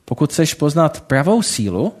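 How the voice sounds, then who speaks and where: A man reading a calm wise old man. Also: a little high, pitched above the performer's own voice. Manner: calm, gentle questioning.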